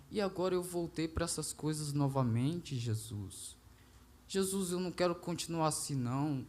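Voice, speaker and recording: Fervent high-voiced Brazilian man testifying. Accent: Brazilian Portuguese. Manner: earnest, fervent, acts out his own prayers aloud. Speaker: church member giving testimony. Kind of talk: emotional church testimony.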